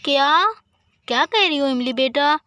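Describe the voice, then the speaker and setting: A woman's voice: sits high, a little slow, bright, forceful tone, dry recording. A woman voicing a caring older village aunt who fusses over the household in a soothing, motherly way. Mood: fussing.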